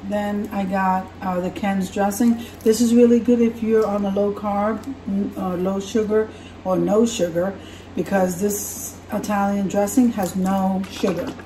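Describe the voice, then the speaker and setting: At a measured pace and in a mid-range voice, a vlogger holds a casual grocery haul chat, unpacking and presenting her shopping in her home kitchen. She's relaxed and chatty and corrects herself often. The background is noisy, and the far-off camera across the counter catches plenty of kitchen echo.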